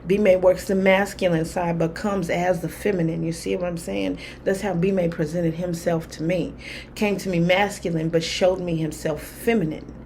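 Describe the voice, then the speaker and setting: A woman's voice: fairly low pitch, fairly even intonation, normal speed, darkish tone, slight background noise. A woman talking candidly to camera in a rambling, casual way, full of fillers. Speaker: spiritual vlogger. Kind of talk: casual personal talk to camera.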